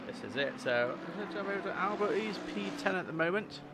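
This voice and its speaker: Higher-pitched male motorsport commentator over engine noise. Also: expressive, fast. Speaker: livestream host and motorsport commentator. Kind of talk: casual live sim racing commentary. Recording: clear engine noise behind voice.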